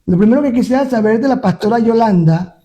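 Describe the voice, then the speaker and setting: A man's voice: very high voice, fast talker, warm tone, rough recording. A young man, a pastor and radio host, reading scripture emphatically and interviewing in a live-streamed radio program. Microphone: live stream via phone.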